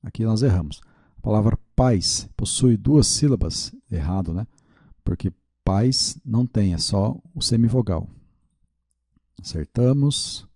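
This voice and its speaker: A man's voice: lowish voice, animated, measured pace, warm tone, dry recording, studio quality. A man teaching a video lesson with a Brazilian Portuguese accent, working through quiz questions aloud, checking his answers and admitting his mistakes.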